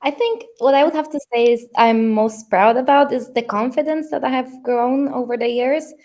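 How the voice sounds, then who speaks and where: A woman's voice: high-pitched, normal speed, darkish tone. A woman from Poland speaking as a panelist in an online discussion, earnest and personal, with hesitant fillers. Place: video call.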